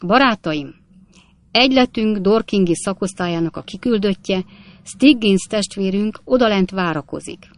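A woman's voice: medium pitch, lively intonation, lightly acted. A woman voicing a nervous, fawning man who leads a chapel meeting, eager and placating. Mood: nervously placating.

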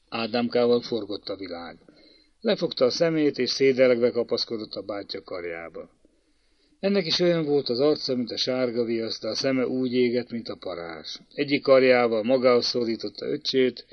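A man narrating a story in a measured, dramatic reading. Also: medium pitch, dry recording. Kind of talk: audiobook narration. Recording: dull lo-fi dry recording.

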